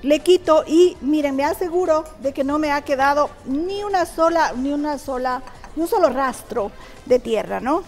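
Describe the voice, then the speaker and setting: A woman's voice: sits high, expressive, normal speed, a little mellow, faint music behind. A middle-aged woman, a cooking teacher on a TV show, chatting with viewers and explaining each technique step by step. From Ecuador. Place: TV studio kitchen.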